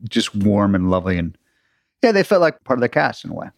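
A man's voice: lowish voice, sing-song, quick pace, creaky, no echo. A middle-aged man co-hosting a podcast in casual chat, easygoing with a dry sense of humor. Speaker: podcast co-host.

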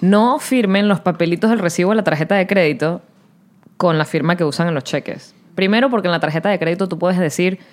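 A Venezuelan woman in her thirties co-hosting a podcast, chatting casually in a brash, animated way and swearing freely. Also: lowish voice, fast talker. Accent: Venezuelan Spanish. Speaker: podcast co-host. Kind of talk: casual chat.

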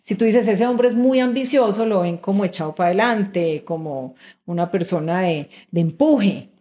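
A middle-aged woman, appearing as a guest executive in a relaxed conversational interview, speaks at normal speed with a mid-range pitch for a woman. She explains her points patiently and keeps checking that the listener is following.

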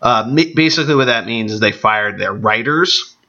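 Man, gravelly low voice, congested from allergies, bright forceful edge, casual solo sports podcast, dull lo-fi audio. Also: animated, moderate pace.

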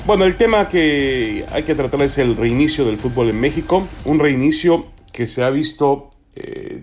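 A man hosting a sports podcast, giving opinion commentary in an earnest, deliberate and emphatic way. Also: mid-range voice.

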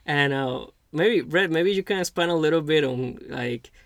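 A man in his twenties who grew up in Costa Rica, hosting a podcast interview in an earnest, halting way with many restarts. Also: a little high, fairly bright tone, no room sound, studio quality. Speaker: podcast host. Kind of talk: casual interview chat.

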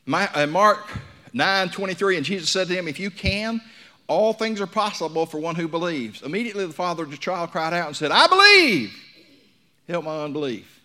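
A pastor in his sixties addresses his congregation with a folksy sermon, recounting anecdotes and questioning his listeners. His high-pitched voice is animated, a little fast and sharp in tone.

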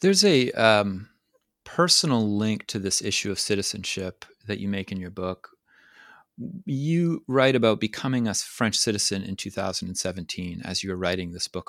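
Guy hosting a podcast, kinda low voice, long winding questions, dry close sound. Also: a bit bright, no echo. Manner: long-winded, reflective questions. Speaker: podcast host. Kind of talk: podcast interview.

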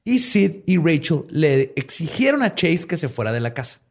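A man's voice: a little high, very animated, normal speed. A man with a Mexican Spanish accent hosting a podcast, telling a story in a jokey, slangy way and laughing often. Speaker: podcast host. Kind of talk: casual storytelling chat.

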